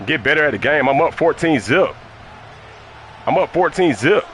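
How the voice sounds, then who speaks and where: A man's voice: fairly high pitch, animated, normal speed, a bit bright, slight background noise. A man streaming a football video game live, heatedly mocking his opponent and repeating his taunts over and over. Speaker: gaming streamer.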